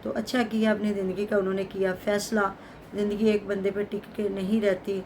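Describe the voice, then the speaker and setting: A woman's voice: medium pitch, little pitch movement, a little fast, a little mellow. A middle-aged woman talks through a casual vlog commentary. She is chatty and pious and often adds blessings. A faint hiss sits under her voice. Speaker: vlogger.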